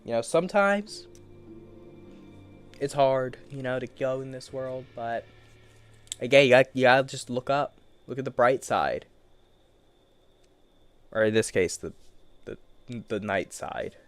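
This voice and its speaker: A man's voice: medium pitch, animated, measured pace, pauses often, clear, resonant tone, faint music behind. A man giving casual solo commentary while he plays a game, rambling to himself in a playful, easily amused way. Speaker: gaming streamer.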